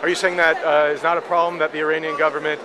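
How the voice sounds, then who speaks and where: A man's voice: on the high side, flat delivery, racing. A man interviewing someone with probing, challenging questions, often stammering as he phrases them. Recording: clear outdoor street and vehicle noise.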